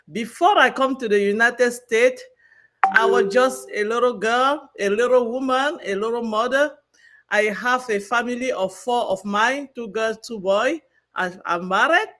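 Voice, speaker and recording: A woman's voice: on the high side, a little slow, fairly bright tone. A woman from Cameroon, a guest telling her personal story earnestly. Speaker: guest speaker. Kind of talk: personal testimony.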